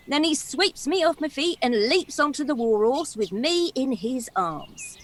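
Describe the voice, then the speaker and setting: Princess in a stage comedy: expressive, highly animated, unhurried, storytelling with relish and tenderness. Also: female voice. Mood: dramatic, wry. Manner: dramatic, giggly, wistful storyteller. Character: theatrical, chatty princess, fond companion of a dragon.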